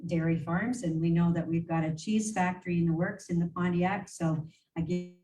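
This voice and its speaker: Over music, a woman with a low-leaning, steady voice speaks at a moderate pace. She is a regional council warden, a native English speaker, giving mayors a chatty, rambling meeting report that's casual and unscripted, with plenty of fillers and restarts. The recording is distant, with faint room noise.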